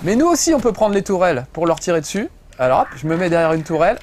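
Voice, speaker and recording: A man's voice: high-pitched, very animated, fast talker, a little mellow, slight background noise. A middle-aged man giving joking, chatty commentary while playing a video game, swearing casually. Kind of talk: gameplay commentary.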